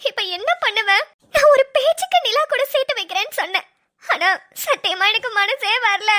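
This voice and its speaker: A woman's voice: extremely high pitch, expressive, moderate pace, bright, forceful tone, full character voice. A woman voicing a jealous young ex-girlfriend in a cartoon, whiny and pleading. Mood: anxious. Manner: whiny, pleading, self-pitying. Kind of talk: cartoon dialogue.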